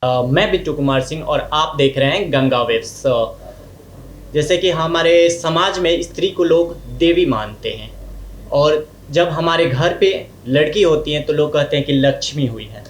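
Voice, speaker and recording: A man's voice: fairly high pitch, a little slow. Male interviewer in an echoey room. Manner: affirming, frequent "बिल्कुल" and "okay" acknowledgements. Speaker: host and interviewer. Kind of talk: conversational interview. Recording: echoey room with faint noise.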